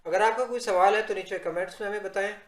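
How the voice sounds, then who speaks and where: A man giving a software tutorial, explaining step by step and addressing viewers directly in an instructional narration. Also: high voice, steady tone, fast. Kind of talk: instructional screen-recording narration. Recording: roomy, echoing voice-over.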